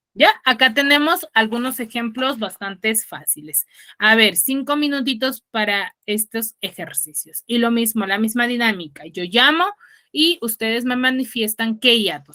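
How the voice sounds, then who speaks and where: A woman's voice: on the high side, bright, forceful tone. A woman teacher giving an online lesson over a video call, explaining step by step and checking often that students follow. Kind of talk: online class lecture.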